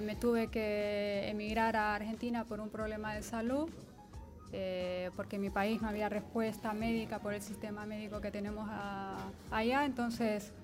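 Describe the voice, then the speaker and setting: A woman from Honduras speaks, slow and earnest, pausing on fillers. Clear music plays beneath her throughout. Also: medium pitch, little pitch movement. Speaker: university community member interviewed. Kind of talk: personal testimony.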